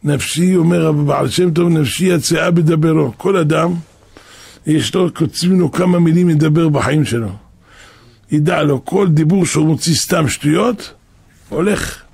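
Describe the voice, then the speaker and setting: A man's voice: fairly high pitch, creaky, a little mellow, slightly rough. A man preaching a storytelling sermon who acts out the voices of the people in his stories.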